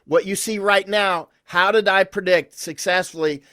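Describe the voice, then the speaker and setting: A man's voice: sits high, fairly even intonation, normal speed, bright, forceful tone, no room sound, studio quality. A man speaking as a podcast guest, telling rambling, anecdotal stories with restarts and confident, emphatic declarations. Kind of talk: conversational interview storytelling.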